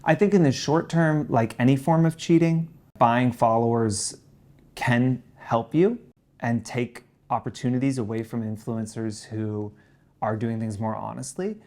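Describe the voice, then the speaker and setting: A man's voice: medium pitch, steady tone, unhurried, a little mellow. A man hosts a solo talk show in an explanatory, emphatic way. He sets out his answers point by point. His articulation is a little off, as if his mouth is tender after dental work. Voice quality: slightly impeded articulation from pulled back teeth and stitches. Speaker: podcast host.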